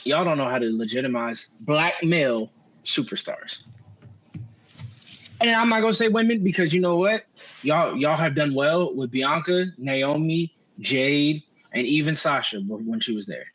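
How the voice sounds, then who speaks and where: A man's voice: a little high, animated, moderate pace, a bit bright, muffled recording. A man co-hosting a podcast, talking wrestling in a casual, slangy way and swearing freely. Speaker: podcast co-host.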